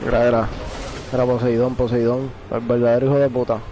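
Hombre boricua malhablado comentando un juego. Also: male voice, mid-range voice, fast, faint music behind. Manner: crude, excitable, swears constantly, laughs. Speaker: gamer. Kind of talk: casual gameplay commentary.

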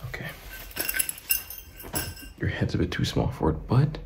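A young man doing fast ASMR, a whispered role-play in a murmured, casual, repetitive way, close to the mic. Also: darkish tone. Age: young adult. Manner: murmured, casual, repeating phrases. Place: small room indoors. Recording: noisy close-up recording with clicking, tapping.

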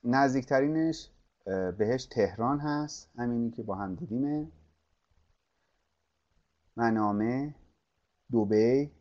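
A man teaching an online course, talking through a screen-share tutorial with many pauses and restarts as he clicks through a website. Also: medium pitch, mellow, highs cut off. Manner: hesitant, many fillers and restarts, thinking aloud while clicking.

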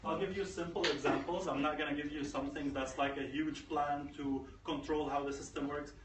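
With a slightly high voice, a steady tone, and a brisk pace, a man in his thirties gives a rousing tech-conference talk, hammering points home through repetition. A camera far across the echoing conference room records him, along with faint noise.

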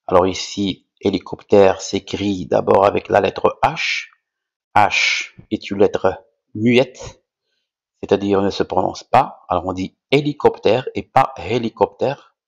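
A man giving a slow primary-school vocabulary lesson, repeating each word with careful, over-articulated pronunciation. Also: sits low, fairly even intonation, vocal fry, highs cut off. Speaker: teacher.

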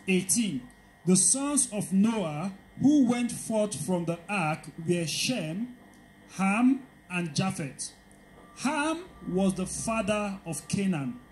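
Slow, careful male scripture reader. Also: high-pitched, a little hiss or hum, low-quality recording. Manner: steady, careful reading, calls out verse numbers. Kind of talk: reading Bible verses aloud.

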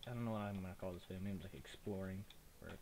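A gaming YouTuber races through a let's play in a steady, darkish voice, rambling, chatty and easily distracted. He's a young man with a slight lisp. The recording comes from a cheap desktop mic and is low quality with faint noise.

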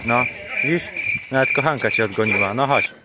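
A man's voice: mid-range voice, fairly quick, very noisy. Chatty man on a farm. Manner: chatty, joking, coaxes animals in a sing-song voice. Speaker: farm vlogger. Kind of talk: casual chat to camera. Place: outdoors on a small farm.

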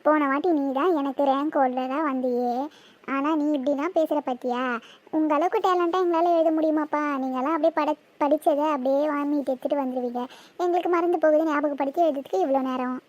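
A woman voicing a chatty schoolgirl in a cartoon, quick and teasing. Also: high voice, fairly even intonation, a little mellow, dry recording, dull audio, natural voice. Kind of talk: cartoon voice acting.

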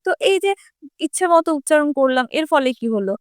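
A woman's voice: high voice, very animated, fast talker, dry recording, clean studio sound. A woman teacher explaining a grammar lesson step by step, often asking her students questions and then answering them herself.

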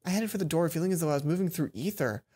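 Racing through lines in a mellow, slightly rough voice on the high side, a young man expressively reads a visual novel aloud for a let's play. He adds commentary asides while game music plays behind him.

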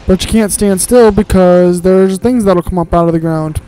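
A man's voice: sits high, normal speed, dark tone, clean tone, poor audio. A man giving casual, grumbling let's-play commentary while he plays, with sarcastic asides and casual swearing.

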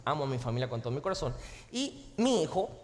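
A man preaching a sermon as pastor to a live congregation, animated and jokey, swinging between loud and soft. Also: on the high side, fast. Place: large church hall with live audience. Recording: reverberant live hall recording.

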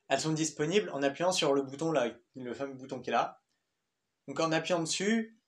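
A young man talking casually through a smartwatch review, chatty and loose, with fillers and the odd swear word. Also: medium pitch. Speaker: tech reviewer. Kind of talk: casual tech review vlog.

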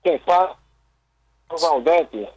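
A man's voice: a little high, expressive, slow pace, a little mellow, husky, no room sound. A man calls in to a radio show over a crackly phone line that keeps cutting out, and he talks hesitantly and repeats his words. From Jacobina, Bahia, Brazil. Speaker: caller.

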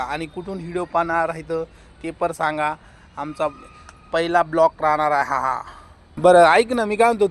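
A man's voice: on the high side, slight background noise. A man vlogging casually outdoors in a village yard, chatting to viewers and coaxing his animals. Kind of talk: casual village vlog chat.

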